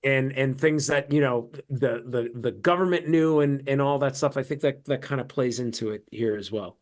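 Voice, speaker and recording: A man's voice: mid-range voice, moderate pace. Rambling American man on a video call. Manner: rambling, many fillers and restarts. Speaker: actor and guest. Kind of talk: casual film discussion.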